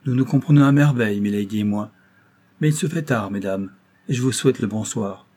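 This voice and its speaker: A man reading the part of a calm, resolute young gentleman who speaks firmly and with quiet irony. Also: on the low side, brisk, natural voice.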